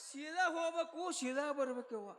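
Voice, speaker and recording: A man playing a doting old father in a live village stage comedy, pleading and repeating endearments in a loud stage delivery. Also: extremely high pitch, brisk. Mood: lecturing. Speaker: stage actor.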